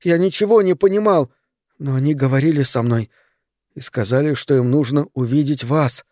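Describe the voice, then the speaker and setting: A man's voice: fairly high pitch, normal speed, a little mellow, no echo, clean studio sound, close to an everyday voice. A man voicing a terrified nine-year-old boy in shock, pleading in a shaky voice. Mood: shaken.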